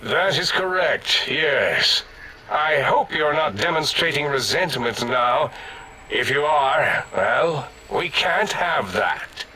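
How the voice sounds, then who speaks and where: A pompous bossy scientist brain. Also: male voice, on the high side, animated, slow, slight background noise, heavily acted, rough recording. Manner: blustering, imperious, with sudden shouts. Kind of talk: video game voice acting.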